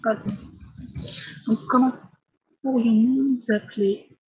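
A teenage girl chatting through a live mobile game stream, full of fillers and drifting into soft whispered asides. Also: on the high side, fairly even intonation, slow, husky, muffled recording. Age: teens. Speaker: livestreamer. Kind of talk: casual live gameplay commentary.

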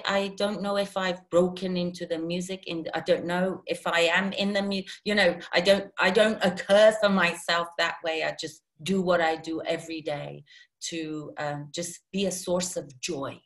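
A woman's voice: fairly low pitch, fairly even intonation, normal speed. A woman who grew up in Iran, a guest talking casually and animatedly with many restarts. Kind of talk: casual interview talk.

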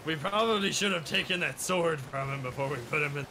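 A man's voice: on the high side, brisk. A man bantering casually in a game, teasing, sweary and given to mock-pirate phrasing. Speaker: gamer, crewmate. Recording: clear game noise behind voice. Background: boat and water game sounds.

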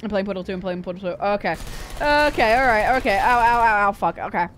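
A woman's voice: mid-range voice, animated, quick pace, fairly bright tone, a little hiss or hum. A woman livestreaming a game in a cute, bubbly anime-streamer way, chatting casually and repeating phrases to herself.

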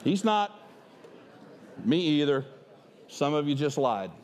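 Older man, pastor, emphatic sermon, high voice, very lively pitch, headset mic, long church-hall reverb. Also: slow. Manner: animated, emphatic preaching with wide gestures. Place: large church stage indoors.

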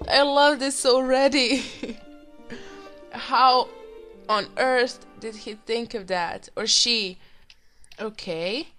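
A woman hosting a let's play, hoarse from being sick and reacting to the game with excited exclamations and giggles. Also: medium pitch. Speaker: gaming video host. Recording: faint music behind.

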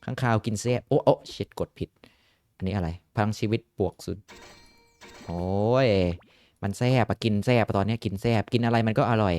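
Excitable swearing young man gaming. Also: fairly low pitch, fairly quick, faint music behind. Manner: excitable, swears often, frequent exclamations. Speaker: gaming YouTuber. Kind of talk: casual gameplay commentary.

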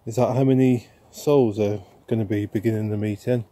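A man hosting a ghost-hunting vlog outdoors in a churchyard, talking softly to spirits and musing aloud with questions. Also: lowish voice, fairly even intonation, moderate pace, no room sound. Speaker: paranormal investigator host.

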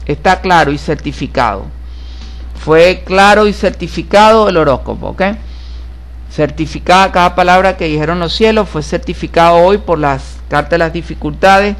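A high-pitched male tarot reader and astrologer gives a horoscope reading over tarot cards at a normal pace. His delivery is solemn and repetitive, and he insists on every point as certain, emphasizing that he is certified.

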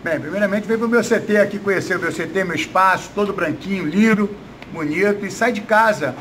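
A man's voice: sits high, a little fast, a bit bright. A Brazilian man in his fifties, a coach giving casual interview answers in a gym with noise behind him. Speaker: jiu-jitsu coach. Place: indoors, gym room. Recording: noticeable background noise.

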